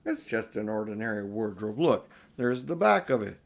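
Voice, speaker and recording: A man's voice: on the low side, expressive, normal speed, vocal fry. A man voicing a sensible older girl in a storybook, a dismissive elder sister who scolds matter-of-factly. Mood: scornful.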